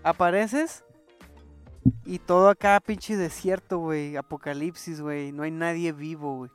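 A woman's voice: sits low, steady tone, a little slow, smooth, soft background music. A young woman with a Mexican accent chatting casually, full of street slang and swearing. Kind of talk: casual chat.

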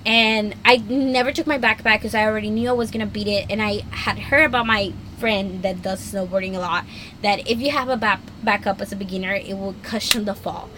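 A young woman hosting a casual solo podcast, chatty and excitable, filling her talk with "like". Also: medium pitch, a little fast, a little hiss or hum, rough recording. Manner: chatty, many "like" fillers, excitable. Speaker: podcast host.

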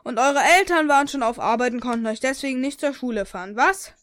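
A woman's voice: high-pitched, fast talker, fairly bright tone, no room sound. A woman reading the curt, sarcastic lines of a strict female English teacher in her story.

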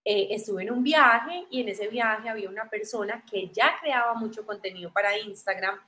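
Animated woman with a Medellín accent. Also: mid-range voice, normal speed. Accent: Medellín Colombian Spanish. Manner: animated, acts out quoted voices. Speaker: guest. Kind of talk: casual storytelling interview.

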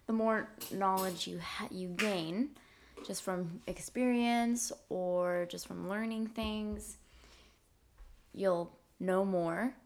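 A young woman from Canada chatting casually, slow and thoughtful with many fillers. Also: medium pitch, background noise. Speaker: conversation card game player. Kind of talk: casual chat.

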